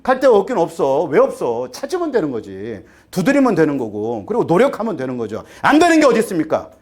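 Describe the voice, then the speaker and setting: A man in his fifties, an academy teacher, briefing parents in a lively lecture, firing rhetorical questions and getting worked up until he trips over his words. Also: a little high, fast talker. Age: 50s. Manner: animated, rhetorical questions, acts out students and parents.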